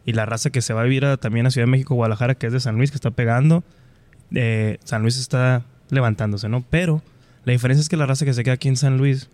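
A man's voice: medium pitch, steady tone, quick pace, darkish tone. A man with a Sonoran, northern Mexican accent hosting a casual chat, explaining and telling stories in colloquial slang. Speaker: podcast host.

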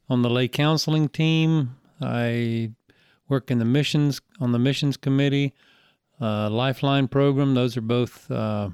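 A church elder in his sixties from Greenville, South Carolina, chats as a guest in a casual interview, rambling along in an easygoing, folksy Southern way. His medium-pitched voice is a little mellow and clean, recorded in a clean studio with no echo.

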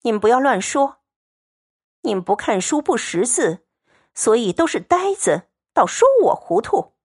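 A woman's voice: medium pitch, very animated, moderate pace. A woman voicing a cold, aloof young noble girl who speaks with scorn. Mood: cold scornful. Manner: scornful, lecturing.

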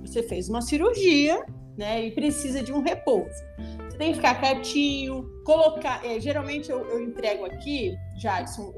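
High-voiced woman explaining patiently. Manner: explains patiently, checks in with the listener. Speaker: dentist and podcast host. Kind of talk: explanatory podcast chat.

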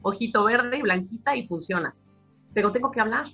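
A Mexican woman with a Mexican accent, an academic guest explaining her views in a lively conversational interview. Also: on the high side, a little fast, husky, muffled recording, soft background music. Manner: animated explainer, acting out quoted voices.

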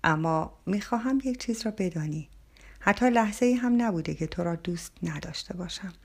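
A woman voicing a hurt middle-aged husband, speaking urgently and insistently in a pitch raised above her own. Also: animated, breathy edge. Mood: pleading.

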